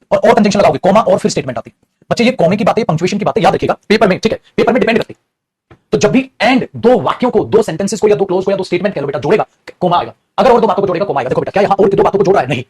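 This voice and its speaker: A man's voice: high voice, slightly rough. A man with an Indian accent teaching an English grammar lesson in Hindi, repeating each point and calling his students "beta".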